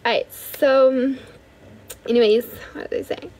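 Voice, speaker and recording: A young woman from Brazil with a high voice hosts a relaxed livestream from her bedroom. She chats freely with viewers, often thanks them, and now and then switches languages. She talks into a phone held at arm's length. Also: measured pace. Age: young adult. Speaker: livestream host. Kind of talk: casual livestream chat.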